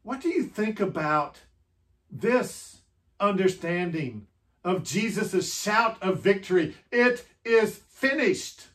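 A pastor giving a reflective Holy Week meditation, speaking gently in short phrases with long pauses and asking the listener many questions. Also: medium pitch, expressive.

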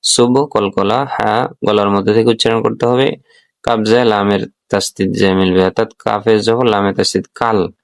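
A man teaching how to pronounce a prayer, repeating each phrase slowly for learners. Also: fairly low pitch, fairly even intonation, creaky, no echo. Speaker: religious teacher. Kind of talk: recitation lesson.

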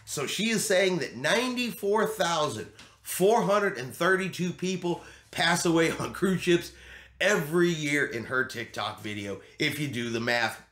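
A middle-aged man hosting a vlog speaks on the high side, his voice pushed and bright. He explains things to camera in an emphatic way and repeats key points, recorded in a small home studio room indoors with roomy echo.

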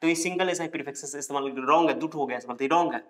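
A man with a somewhat high voice teaches a science class. He repeats each rule several times and asks the students questions, then answers them himself. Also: very fast, a bit bright.

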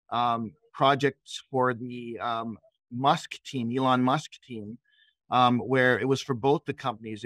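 Leading a live software training on a video call indoors, a middle-aged man talks learners through the program in a conversational tutorial style. He speaks at medium pitch, works step by step while asking questions, and is recorded dry with very little room sound.

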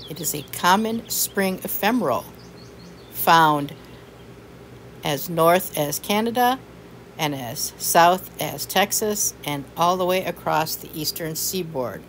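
Woman narrator, low-pitched and unhurried, instructive scripted voice-over with faint background hiss. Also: animated, low-quality recording. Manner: measured, instructive.

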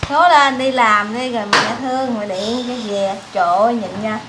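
A woman, the boy's mother, urging him emotionally to go work, gently scolding him not to cry. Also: on the high side, normal speed, background noise. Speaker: mother of the boy. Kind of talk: casual chat.

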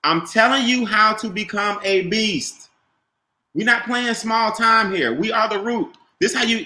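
Male business trainer, emphatic and repetitive, high bright tone, echoey call audio. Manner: emphatic, repeats key points, quizzes listeners. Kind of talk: coaching on a video call. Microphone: video call.

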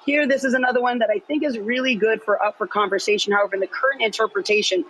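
A slightly hoarse woman giving measured, explanatory rules analysis on a studio football panel. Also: fairly high pitch, steady tone, fairly bright tone, a little hiss or hum, low-quality recording. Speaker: refereeing analyst.

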